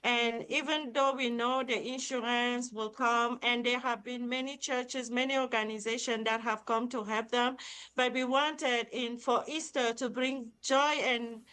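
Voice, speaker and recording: In a live interview, a middle-aged Cameroonian woman who founded and runs a nonprofit speaks with upbeat enthusiasm. Her voice is on the high side, pushed and bright with a clean tone, fairly even in intonation and a little slow, though the recording quality is low.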